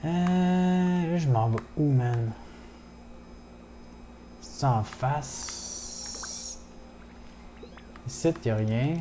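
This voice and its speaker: A man's voice: fairly high pitch, extremely slow, long pauses, noisy background. A man with a Québécois accent, chatting casually to viewers while streaming a game and swearing often. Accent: Québécois French. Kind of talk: casual gaming livestream chat.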